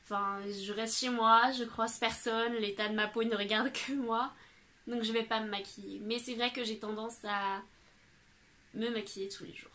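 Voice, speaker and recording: A young woman from France answers her viewers' questions in a loose, chatty vlog. Her voice is bright and a little high, and she fills her talk with small hesitations. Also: fairly even intonation, normal speed. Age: young adult. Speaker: vlogger. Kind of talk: casual Q&A vlog.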